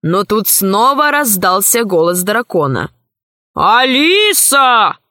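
A woman reading a children's story aloud as narrator, calm and measured. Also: a little high, no room sound, clean studio sound.

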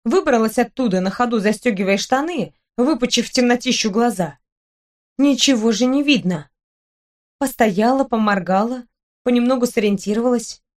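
A woman reading a first-person story aloud as audiobook narration, with expressive, lively delivery. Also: fairly high pitch, moderate pace.

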